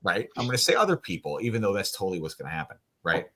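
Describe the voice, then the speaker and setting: A man, an event organizer, chatting on a podcast in an animated, jokey way, with bursts of loud mock outrage. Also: low-pitched, racing. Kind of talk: casual podcast chat.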